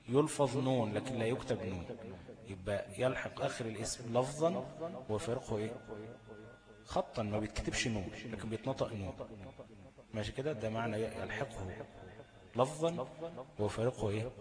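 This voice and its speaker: Male Egyptian tajweed teacher, mid-pitched, Q-and-A drilling, noisy class behind. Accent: Egyptian Arabic. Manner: asks the class questions and supplies the answers himself; repeats key terms for emphasis. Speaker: Quran recitation teacher.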